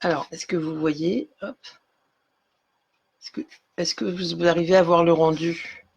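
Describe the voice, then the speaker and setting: A woman's voice: lowish voice, fairly even intonation, unhurried, vocal fry, darkish tone, husky, lo-fi sound. Chatty woman demonstrating a craft technique. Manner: chatty, explains step by step with many fillers; greets and thanks viewers by name as she works. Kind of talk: live-streamed craft tutorial.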